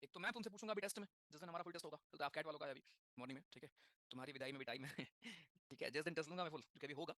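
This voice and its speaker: A man teaching a class, talking in a quick mix of Hindi and English, repeating key terms and asking the students questions. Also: a little high, sharp tone, dry recording, studio quality. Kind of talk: classroom lecture.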